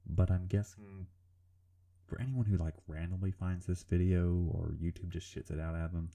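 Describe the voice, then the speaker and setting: A man with a rumbly, serial-killer-like voice, giving informal, hesitant, self-deprecating commentary over a drawing video, with casual swearing. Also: steady tone, normal speed, vocal fry, mellow. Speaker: artist narrating a drawing video.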